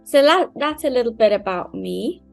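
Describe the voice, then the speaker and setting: A woman's voice: on the high side, expressive, normal speed, gravelly, soft background music. A woman in her fifties from Kenya, a mindset coach giving an upbeat, chatty online seminar over a video call. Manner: upbeat, chatty, loose phrasing.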